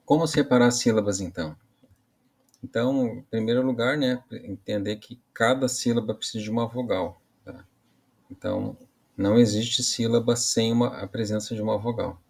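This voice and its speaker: In an online lesson, a man who teaches Portuguese grammar speaks in a low, gravelly voice. His explanations are casual and halting, full of restarts and the tags "né" and "tá."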